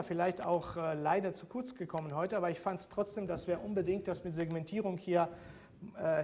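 A man's voice: high voice, a little mellow, a little hiss or hum. A man teaching a university seminar, explaining step by step and often checking in with the class. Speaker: university lecturer. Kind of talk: seminar lecture.

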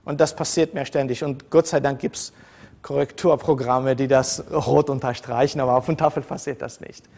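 Speaking at a normal pace in a medium-pitched, steady voice that's gravelly yet a bit mellow, a former-Soviet university lecturer chats casually with his students. He keeps wandering off topic, correcting and restarting himself amid plenty of fillers.

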